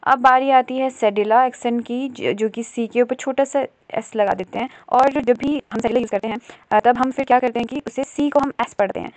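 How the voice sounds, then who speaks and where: A woman tutor explaining a language lesson step by step, pausing to think and correcting herself. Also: fairly high pitch, dry recording. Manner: explains step by step with frequent "अ" fillers and self-corrections. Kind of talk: explanatory lesson in Hindi with English terms.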